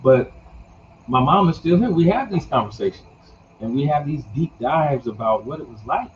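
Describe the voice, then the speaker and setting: A man's voice: on the high side, lively intonation, normal speed. A man in his sixties talking casually as a guest, folksy and storytelling, who laughs at his own jokes. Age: 60s. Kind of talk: casual conversation. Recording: muffled recording with faint background hum.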